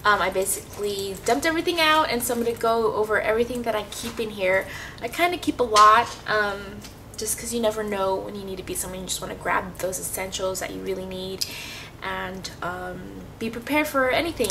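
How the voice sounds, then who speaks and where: Sniffly with a cold, a beauty vlogger chats casually through her makeup routine, full of ums and restarts. Her mid-range voice sounds pushed and bright, picked up by a slightly distant mic with faint hiss.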